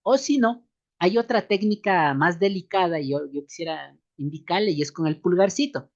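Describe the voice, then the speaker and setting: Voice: medium pitch, moderate pace, muffled recording. A seminary instructor lecturing a church class on microphone technique, often ending phrases with questioning asides and calling listeners beloved brothers and sisters. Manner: frequent questioning tag asides to students.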